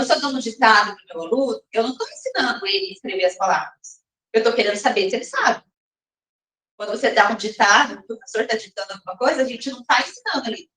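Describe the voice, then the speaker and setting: A woman teacher explaining step by step in a recorded lesson, often checking in with her listeners and reading some passages slowly. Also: on the high side, sharp tone. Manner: slows down and reads some passages slowly, as if from a text. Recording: roomy echo, mic at a distance.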